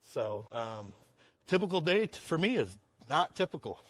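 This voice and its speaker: With a fairly high voice, big pitch swings and a moderate pace, a Washington state roofing company owner rambles casually through interview questions. He often repeats words and chuckles, and there's no room sound.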